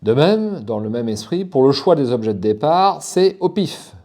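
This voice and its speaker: A man's voice: mid-range voice, very animated, moderate pace, dark tone. A man from France giving a frank, casual spoken review of a gamebook, hesitating with restarts and fillers as he thinks.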